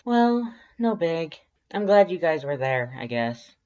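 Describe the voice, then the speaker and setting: In a fan fiction audiobook, a reader voices a friendly, slightly awkward homeowner who sounds casual, hesitant and gently teasing. The mid-range voice is sing-song, slow, and pitched above the performer's own, with lo-fi sound.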